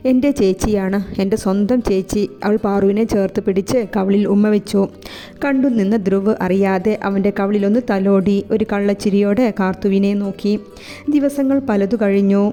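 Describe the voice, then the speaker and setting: A woman narrating a romantic audio novel, reading every character's lines in a steady storytelling voice. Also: mid-range voice, moderate pace. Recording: long hall reverb with soft instrumental music.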